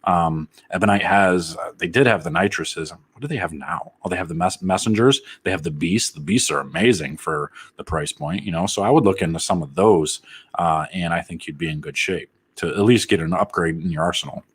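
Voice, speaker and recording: A man's voice: low-pitched, brisk, breathy edge. A man hosting a casual live Q&A about bowling, rambling and joking as he reads viewer comments aloud. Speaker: bowling channel host answering live chat.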